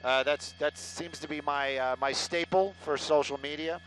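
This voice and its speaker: A middle-aged man reports traffic from a helicopter, talking into a headset in a slightly high voice. He rambles in a loose, joking way, sarcastic and self-deprecating. A faint engine hum sits behind him. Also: fairly even intonation, normal speed, fairly bright tone, low-quality recording. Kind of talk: live casual on-air chatter. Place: inside a helicopter in flight.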